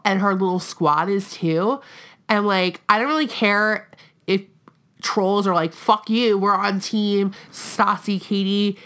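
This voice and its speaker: A young American woman chats casually on a podcast about reality TV. Her voice has vocal fry at a medium pitch. She is blunt and sweary, sprinkling "like" through her sentences. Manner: blunt, profane, peppered with "like". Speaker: podcast co-host.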